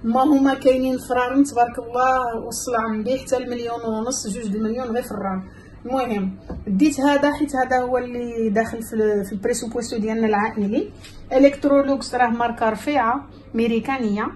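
A middle-aged Moroccan woman with a Moroccan Arabic accent chats casually with viewers while cooking in her home kitchen for her cooking channel. Her fairly high, slightly mellow voice stays steady and quick. The mic is on the counter with some hiss or hum, and the camera near the worktop keeps her mostly off frame.

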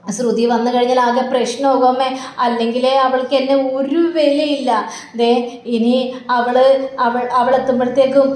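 A woman's voice: sits high, little pitch movement, normal speed, darkish tone, natural voice. A woman voicing a frightened grown son who whines and pleads with his mother. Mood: whining. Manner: whining, pleading. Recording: roomy with faint background noise.

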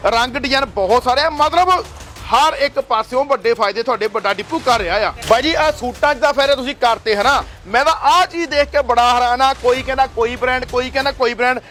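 A man, promoting a textile shop in a pushy way and listing prices quickly. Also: extremely high pitch, bright, forceful tone. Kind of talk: fast sales promo video.

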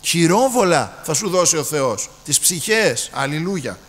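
A man's voice: a little high, big pitch swings, a bit bright, in a large hall. A man preaching a sermon emphatically, repeating his phrases and often addressing the brethren.

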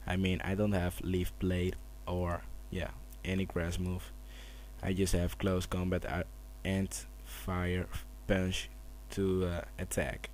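Hushed, low-voiced man narrating slowly. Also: monotone. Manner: quiet, hushed talking so as not to wake others. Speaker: gamer narrating own battle. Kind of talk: casual game commentary. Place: at home at night, others asleep. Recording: noisy camera mic with hum.

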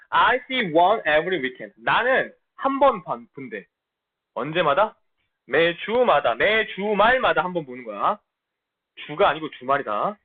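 Male tutor, high and animated, casual blunt lecture, tinny phone-like audio. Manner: casual blunt banter with students, frequent check-ins. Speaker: middle school English teacher. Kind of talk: online lecture.

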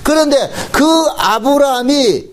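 A middle-aged man preaching from the pulpit in a notably high voice. He keeps asking his listeners rhetorical questions, fills pauses with little grunts of "eh?" and "mm", and draws out key phrases for emphasis. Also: fairly bright tone, a little hiss or hum. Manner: rhetorical questions with frequent fillers. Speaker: pastor. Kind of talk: sermon.

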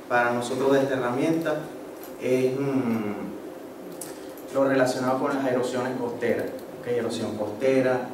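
Speaking at a medium pitch, a middle-aged man with a Venezuelan accent gives an informal talk as a course participant, a marine geology researcher, pausing haltingly and often adding tags to check he's followed. His handheld microphone feeds a PA in a medium-sized indoor seminar room. The audio, captured by a distant camera, is noisy and echoey.

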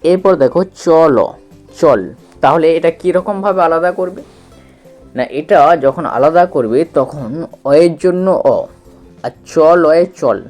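Slow, patient man teaching reading. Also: a little high, a little mellow, soft background music. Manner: spells out letters and repeats syllables; asks the listener questions.

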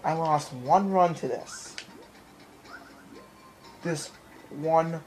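A gaming video maker plays at home in a small room, filming the TV screen with a handheld camera or phone mic and muttering casual reactions and apologetic asides. He speaks very slowly in a slightly high voice. The recording is rough, with video game music behind him.

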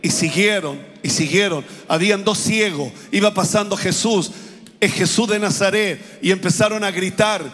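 A male pastor, preaching a fervent sermon that keeps repeating and building to shouts. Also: sits high, moderate pace, in a large hall. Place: church.

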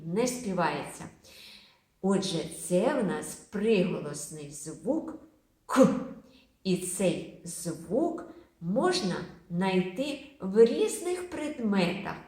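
Slow sing-song woman teacher, echoey room. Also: medium pitch. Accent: Ukrainian. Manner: slow, sing-song, addresses little children. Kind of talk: children's lesson.

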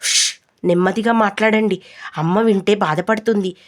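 A woman voicing a young wife who hushes and coaxes her husband in a storybook tale. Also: medium pitch, steady tone, moderate pace, slight background noise, close to an everyday voice. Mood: coaxing. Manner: hushed, coaxing.

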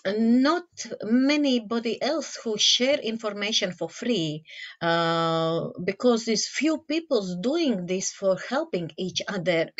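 Slow-talking woman with a Latvian accent. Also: medium pitch, lo-fi sound. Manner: halting, non-native English with frequent hesitations and repetitions. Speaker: network marketing team leader, presenter. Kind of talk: informal online business presentation over slides.

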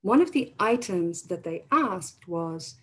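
Dutch woman academic, lowish husky voice, webinar talk with fillers. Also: lively intonation, slow pace, rough recording. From Netherlands. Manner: thoughtful, explanatory, with frequent fillers. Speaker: academic presenter. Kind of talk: webinar presentation. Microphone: video call.

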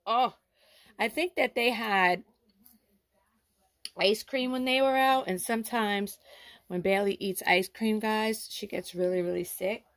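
Fussing woman with a gravelly voice. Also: mid-range voice, unhurried, pauses often. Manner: fussing, soothing, talks to viewers. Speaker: doll vlogger. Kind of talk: doll role-play vlog narration.

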